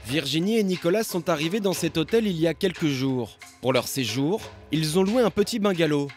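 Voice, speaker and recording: A man narrating a television documentary report in a measured, scripted voice-over. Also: a little high, lively intonation, darkish tone. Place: studio voice-over. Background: music.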